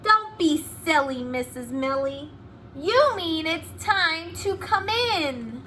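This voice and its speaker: A woman voicing young storybook pupils who playfully correct their teacher, exclaiming and stressing words slowly. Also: extremely high pitch, animated, sharp tone, slight background noise, heavily acted.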